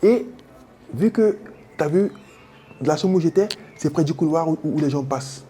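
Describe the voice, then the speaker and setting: A man's voice: on the high side, expressive, moderate pace, mellow, slight background noise. A man from French Guiana with a French Guianese accent, telling his own story in an interview, slangy and vivid, making sound effects and calling the listener brother. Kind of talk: animated personal storytelling.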